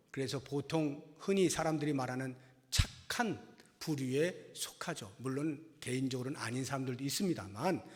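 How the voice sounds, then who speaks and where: A man preaching a Sunday sermon as pastor, emphatic, with rhetorical questions and rising stresses. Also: a little high. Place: church sanctuary. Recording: long church reverb.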